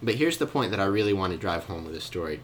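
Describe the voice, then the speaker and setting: Young male study leader, low voice, playful storytelling, faint room hum. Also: quick pace. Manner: joking, animated storytelling with laughs. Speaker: youth Bible study leader. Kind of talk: casual teaching.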